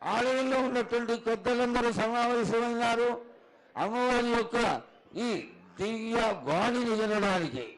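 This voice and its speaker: A man's voice: very high-pitched, unhurried, poor audio. A man making temple announcements, giving instructions in an emphatic, commanding and repetitive way. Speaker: temple announcer marshalling the crowd.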